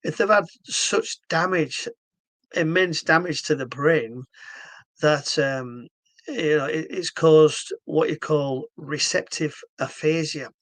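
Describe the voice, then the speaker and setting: Talking casually to camera, a Yorkshire-accented Englishman earnestly explains his stroke therapy method, full of fillers and restarts. His voice is on the high side with a fairly bright tone, he speaks slowly, and there's no room sound.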